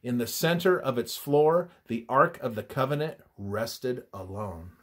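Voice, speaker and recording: In a mid-range voice, a man reads a scripted religious study in a measured, instructive tone, with his phrases often trailing off softly at the ends.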